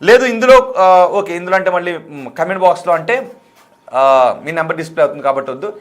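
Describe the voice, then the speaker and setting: During a live call-in debate on TV, the male host speaks to viewers quickly and insistently in a strikingly high, animated voice. He keeps returning to repeat his appeals and slips English words into what he says.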